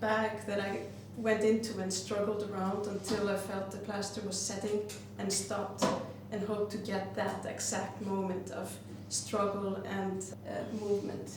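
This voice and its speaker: A woman from Iceland presents her glass art reflectively at a measured pace with a level tone and medium pitch, few pauses, though she often stops to search for words. The sound is very roomy, far-miked, and noisy in the background.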